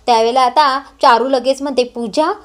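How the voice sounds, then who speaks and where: A woman with a high voice retells a TV serial episode at a steady clip. She quotes each character's dialogue in her own plain voice. Small "uh" pauses break up her storytelling. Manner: brisk storyteller with frequent "uh" pauses. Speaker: serial recap narrator.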